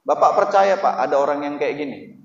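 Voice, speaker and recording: A man's voice: fairly high pitch, fairly quick. Man preaching, keeps quizzing the crowd, mic kinda far + dull. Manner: lively, asks the audience questions often. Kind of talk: Islamic sermon to a male audience. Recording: echoey hall, distant mic, dull lo-fi sound.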